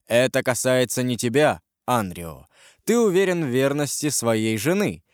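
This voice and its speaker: A man's voice: mid-range voice, moderate pace, clear, resonant tone, no echo, lightly acted. A man acting out a young French king who teases and gives orders with easy authority. The voice swings freely up and down and sounds raised and pushed when he calls out. The storybook recording is dry and close. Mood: teasing. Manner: teasing, imperious, lively.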